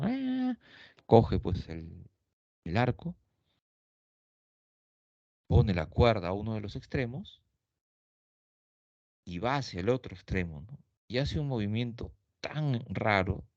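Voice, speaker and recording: A man's voice: fairly low pitch, darkish tone, no room sound. Guy teaching lit, chatty storytelling, dull dry recording. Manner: chatty, tag questions. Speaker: literature teacher. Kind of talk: storytelling lecture.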